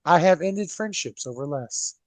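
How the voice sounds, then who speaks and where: A man's voice: lively intonation, moderate pace, darkish tone, no room sound. A man chatting on a podcast, blunt and full of swearing, mimicking other people as he talks. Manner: blunt, profane, swings his pitch mimicking others. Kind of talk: casual chat.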